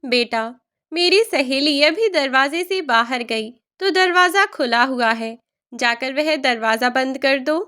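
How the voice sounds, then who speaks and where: A woman voicing an elderly mother-in-law who keeps calm while her daughters-in-law insult her. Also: sits high, slow, clear, resonant tone, heavily acted. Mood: restrained. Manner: pleading, then scolding. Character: older mother-in-law, hurt but restrained.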